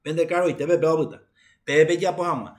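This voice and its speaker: A man's voice: on the high side, fairly even intonation, a little fast, a little mellow. Male teacher lecturing. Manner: explains by mixing Spanish and Guaraní, with many repeated fillers. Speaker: Guaraní language teacher. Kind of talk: classroom lecture. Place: university classroom.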